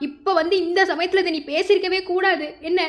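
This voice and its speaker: A reproachful cartoon elder woman voiced by a woman who scolds quickly in a very high voice and keeps lecturing. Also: fairly even intonation. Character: stern older woman rebuking a young wife.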